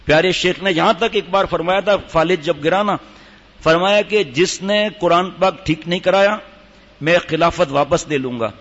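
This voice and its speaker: A man's voice: high-pitched, a bit bright. An older man giving a sermon to a gathering, telling stories and demonstrating recitation. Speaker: religious teacher. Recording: dull hall reverb.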